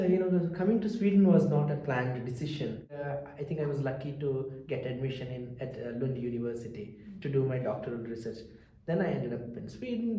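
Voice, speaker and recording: A middle-aged man with a South Indian accent gives a personal account in an interview, speaking in a halting, reflective way and repeating phrases. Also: mid-range voice, dark tone. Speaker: interviewee, immigrant entrepreneur. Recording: roomy, echoing sound.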